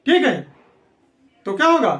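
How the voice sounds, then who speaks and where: A man with a very high, fairly bright voice and big pitch swings talks a little slowly, sounding distant in an echoey room. Teaching English grammar to students preparing for competitive exams, he repeats himself and answers the very questions he asks them.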